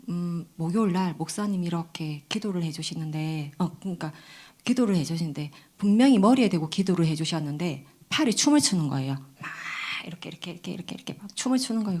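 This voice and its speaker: A woman's voice: mid-range voice, darkish tone. A middle-aged woman giving an earnest, emotional personal testimony in a church service, with many fillers.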